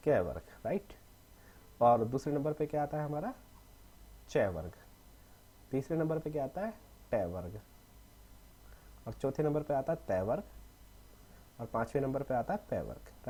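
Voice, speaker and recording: A man's voice: mid-range voice, mellow, breathy edge. A young man teaching a casual lesson, often checking in with "okay" and slipping in English words. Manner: repetitive, mixes in English words, frequent "theek hai".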